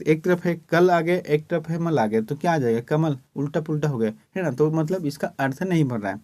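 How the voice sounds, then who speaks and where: A man from Chhattisgarh, India, teaches an exam-prep class in a mellow, fairly high voice, stepping through the questions and checking in often with "ठीक है" ("okay"). There's no room sound on the recording.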